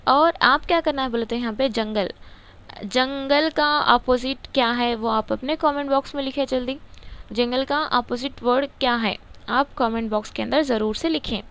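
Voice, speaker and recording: A woman teacher with a high-pitched voice, clean and fairly bright in tone, walks through a grammar textbook in a casual lesson. She tends to repeat words and answers her own questions.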